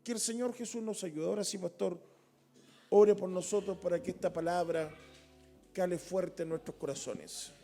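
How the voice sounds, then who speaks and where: A man's voice: high voice, normal speed, dark tone, soft background music. A man with a Chilean Spanish accent teaching a Bible study, emphatic and rising to impassioned calls.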